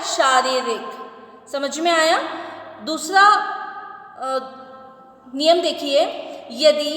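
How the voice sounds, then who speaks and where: A woman's voice: high voice, fairly bright tone. A woman teacher giving a grammar lesson. She explains step by step and keeps asking whether the class has understood. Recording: echoey room with long reverb.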